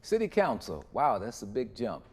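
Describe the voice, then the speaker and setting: A man's voice: fairly low pitch, wildly swooping pitch, normal speed, a little mellow, slightly rough. A man co-hosting a local TV interview, asking probing and playful questions in a studio. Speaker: TV show co-host.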